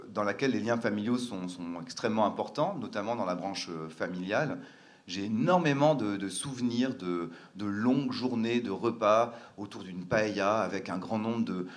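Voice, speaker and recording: Man, storyteller, low voice, hesitant, lots of pauses and restarts, earnest. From France. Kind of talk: personal storytelling.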